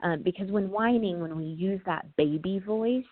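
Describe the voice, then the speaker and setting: A woman guest speaking as a parenting trainer, explaining casually, often pausing on "um" and checking in with "right?". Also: mid-range voice, no echo. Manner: talks through ideas with frequent "um" and tag "right?". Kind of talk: casual explanatory interview talk. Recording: tinny phone-like line, dry.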